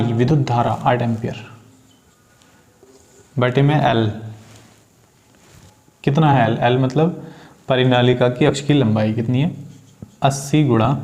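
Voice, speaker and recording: A man's voice: mid-range voice, a little mellow. A man teaching a physics lesson, patiently working through solved problems, asking questions and answering them himself. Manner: patient, addresses students as beta, asks and answers own questions. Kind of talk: classroom problem-solving lesson.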